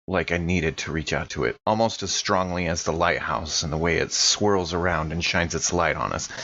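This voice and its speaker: A man with a low, slightly bright voice speaks earnestly, deliberating in character as he plays a tabletop role-playing game. The talk mixes in-character roleplay with game discussion, and the audio sounds dull.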